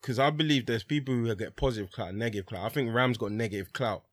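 A man's voice: mid-range voice, quick pace, dry recording, studio quality. A young man with an urban London roadman accent, debating casually in slang and posing questions.

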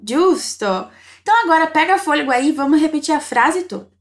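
A woman teaching Italian phrases, encouraging the listener and saying model sentences slowly to be repeated. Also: high-pitched. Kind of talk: language lesson narration.

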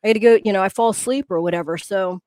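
A woman's voice: mid-range voice, rapid-fire, darkish tone, no room sound. A woman in her fifties co-hosting a podcast, chatty and enthusiastic with lots of fillers. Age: 50s. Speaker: podcast co-host. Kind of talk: casual podcast chat.

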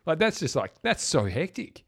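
A man co-hosting a casual film podcast, relaxed and hesitant with many fillers. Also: on the high side, normal speed, vocal fry, husky. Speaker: podcast co-host.

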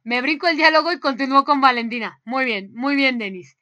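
A woman's voice: high-pitched, a little fast. A woman hosting a fan radio show, reading listener messages in casual chat and gushing with frequent laughter. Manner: laughs often, gushing and excitable.

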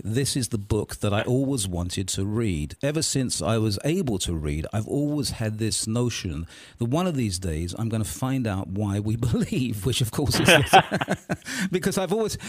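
Male radio host, lively pitch, slightly hoarse, effusive, dry studio sound. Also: no echo. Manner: animated, effusive praise. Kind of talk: radio interview.

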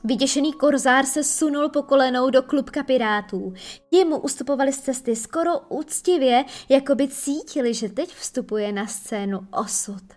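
A woman reading a children's story aloud in a lively, expressive way. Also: high-pitched, faint music behind.

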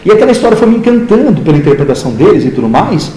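A man in his fifties, a teacher from the interior of São Paulo, tells stories at a rapid clip in a slightly raised voice. He acts out the people in his stories as he goes. The room around him sounds roomy and echoing. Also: sits high. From interior of São Paulo state, Brazil. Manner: animated, acts out dialogue in other voices. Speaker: literature teacher, guest. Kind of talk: casual interview storytelling.

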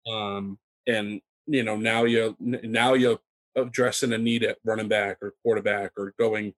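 A man's voice: lowish voice, level tone, normal speed. A man co-hosting a casual fantasy football podcast, talking in rambling runs full of fillers. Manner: rambling with many fillers and restarts. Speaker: podcast co-host.

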